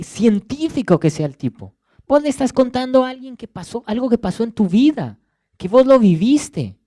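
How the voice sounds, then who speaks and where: Young Rioplatense preacher, animated pitch, dry close sound, chatty and stumbling over repeated words. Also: male voice, dry recording. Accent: Rioplatense Spanish. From Argentina. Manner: conversational, repeats words as he searches. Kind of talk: sermon.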